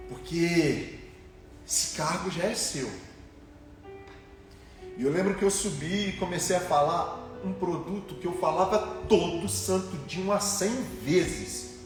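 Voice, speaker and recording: A young Brazilian man preaching a testimonial sermon, telling a story and acting out the voices he quotes. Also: high-pitched. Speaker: pastor. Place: church sanctuary. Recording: echoey church hall, distant mic, faint music.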